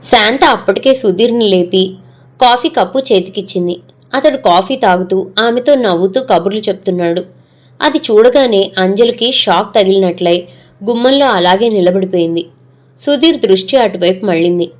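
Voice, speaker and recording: Brief: woman storyteller, steady and measured, mid-pitched. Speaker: narrator. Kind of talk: audio story narration.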